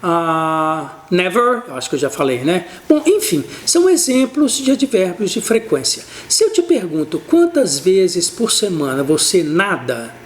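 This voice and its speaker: A woman with a Brazilian Portuguese accent teaching an English lesson, explaining patiently and saying English examples slowly and carefully. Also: fairly low pitch, huge pitch swings, a little mellow.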